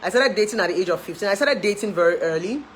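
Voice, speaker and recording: On poor audio with a little hiss or hum, a woman in her thirties speaks quickly at medium pitch with lively intonation. A relationship therapist with a Nigerian accent, she chats to camera for her followers about her life, laughing a lot and dropping into pidgin.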